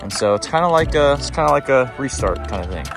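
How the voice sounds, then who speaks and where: A man's voice: medium pitch, expressive, fast, creaky, music in the background. A young man hosting a fishing vlog, chatting casually and saying "bro" and "like" a lot, recorded outdoors on an action camera. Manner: laid-back, says "bro" and "like" a lot. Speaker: vlog host and kayak angler. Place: outdoors at a boat launch and on the water. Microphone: action camera mounted on kayak.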